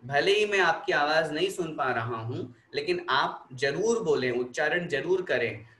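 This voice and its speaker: Male religious teacher, fairly high bright voice, leads verse recitation. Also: animated, echoey room. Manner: slow, explanatory, leads chanting of verses. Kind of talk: scripture lesson.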